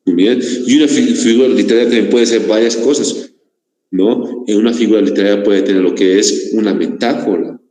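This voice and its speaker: A man's voice: lowish voice, fairly quick, dark tone. Man, Bolivian Spanish accent, teacher, lecturing, rhetorical questions, roomy recording with long reverb. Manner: asks the class frequent rhetorical questions. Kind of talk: online class lecture. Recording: echoey room, long reverb.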